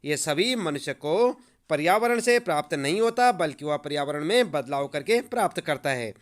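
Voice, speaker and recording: A man with a rather high, animated voice teaches at a moderate pace, taking schoolchildren through homework answers and dictating them to copy. He calls his pupils children and keeps checking in, repeating "ठीक है" like "okay."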